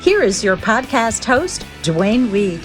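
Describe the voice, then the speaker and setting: A woman's voice: a little high, big pitch swings, takes it slowly. A woman reading an upbeat, polished podcast intro announcement. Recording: announcer over faint music.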